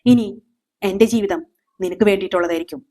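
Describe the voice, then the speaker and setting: A woman voicing a powerful gang leader who speaks slowly and gravely. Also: mid-range voice, warm tone, close to an everyday voice. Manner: slow, weighty. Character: powerful gangster boss, grateful man.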